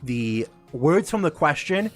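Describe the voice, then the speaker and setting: A man co-hosting a board game stream, chatting casually with friends and telling stories in halting restarts. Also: on the high side, very animated, soft background music. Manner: rambling storyteller, halting restarts. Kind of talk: casual chat among friends.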